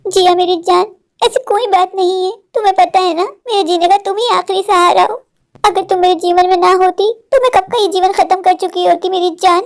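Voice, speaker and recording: Lady doing a clingy worried cartoon mom, super high voice, keeps saying my darling. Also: steady tone, a little fast. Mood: tender. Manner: doting, insistent, says "meri jaan". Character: anxious, possessive village mother. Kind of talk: Hindi cartoon voice acting.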